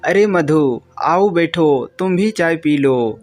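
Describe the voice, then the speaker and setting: A man voicing a troubled young housewife who is lonely and tearful, speaking in a gentle, weary way over faint music. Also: a little high, lively intonation, slow.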